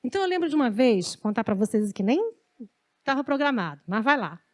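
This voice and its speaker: A Brazilian woman preaching a sermon in a conversational, animated storytelling way. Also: a little high, fairly quick, no echo. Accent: Brazilian Portuguese.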